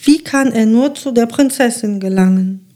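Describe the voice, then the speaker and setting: A woman narrating a children's fairy tale in a calm, measured reading voice. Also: a little high. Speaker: storyteller.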